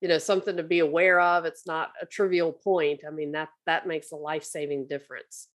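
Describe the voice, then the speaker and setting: Lowish-voiced woman, emphatic interviewer. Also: level tone, a little fast. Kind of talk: conversational interview.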